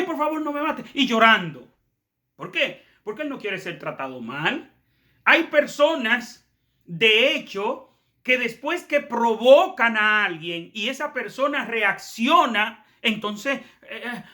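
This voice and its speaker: A man's voice: high voice, pushed and bright. A man preaching a sermon as pastor, asking rhetorical questions and acting out short quotes.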